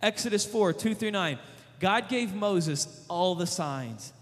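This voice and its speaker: This youth preacher speaks slowly, his lively, high-for-a-man voice carrying a sermon built on emphatic, repeated rhetorical questions. The recording rings with the long reverb of a large hall.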